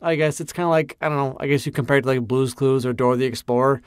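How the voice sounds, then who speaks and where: A man's voice: mid-range voice, fairly even intonation, very fast, smooth, dry recording, studio quality. A man co-hosting a podcast with casual, rambling, joking banter. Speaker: podcast co-host.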